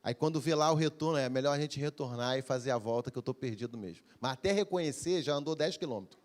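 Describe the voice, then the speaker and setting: A man's voice: medium pitch, quick pace. A man preaching a Sunday evening sermon as pastor, calling for amens and acting out everyday conversations. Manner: preaching with call-and-response, acting out everyday dialogues. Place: church service.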